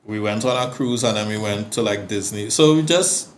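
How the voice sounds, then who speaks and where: Trinidadian man telling stories in relaxed chat. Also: fairly low pitch, moderate pace, a little hiss or hum. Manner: relaxed storytelling with frequent stammered restarts. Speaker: guest singer-songwriter. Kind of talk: casual podcast chat.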